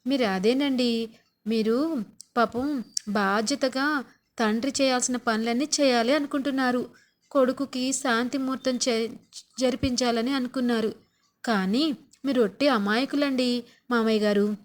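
A scheming young daughter-in-law who wheedles and sighs theatrically while spilling family secrets, as a woman acts her out. The voice sits somewhat high. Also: fairly even intonation, a little slow, long pauses, lightly acted. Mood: sly wheedling. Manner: sly, wheedling, dramatic sighs.

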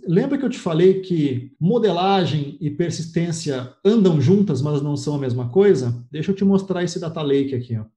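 A man with a somewhat high, mellow voice walks viewers through a slide-based technical presentation. He explains patiently and speaks straight to his audience, setting them challenges. The sound carries a roomy echo. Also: lively intonation, moderate pace, few pauses. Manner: explanatory, addresses viewers directly, poses challenges. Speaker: cloud data architecture presenter.

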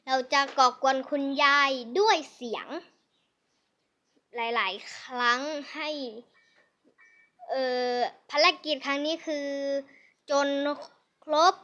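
A woman's voice: high-pitched, slow pace, pauses often, sharp tone, lo-fi sound. A woman hosting a gaming channel, chatting playfully through a let's-play with self-mocking asides.

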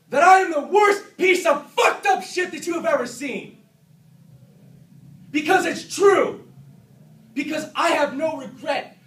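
Recorded from far off by a camera in an indoor classroom, a slightly high-voiced man in his twenties plays a self-loathing, tormented Vietnam vet. The monologue is intense and halting, lurching from hushed to explosive, and the audio is roomy with faint noise.

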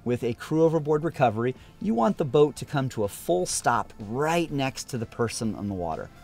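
A man's voice: mid-range voice, very animated, moderate pace, darkish tone, soft background music. Male sailing teacher in his 30s, upbeat and plain-spoken, recorded on deck. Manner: upbeat, clear and practical. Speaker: sailing instructor. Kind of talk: casual instructional talk. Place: aboard a sailboat outdoors.

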